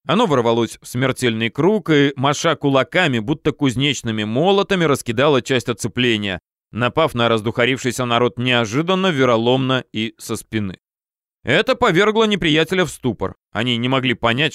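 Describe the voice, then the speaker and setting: A man narrating a first-person audiobook, lively and slangy, on a close studio mic. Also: mid-range voice, no echo.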